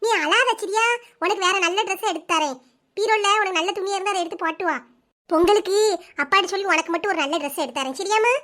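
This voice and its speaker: A woman's voice: very high voice, pushed and bright, pitched below the performer's own voice. A woman voicing a harried, scolding village mother in a cartoon, with a southern Tamil Nadu accent. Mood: soothing. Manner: brisk, scolding. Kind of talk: cartoon voice acting.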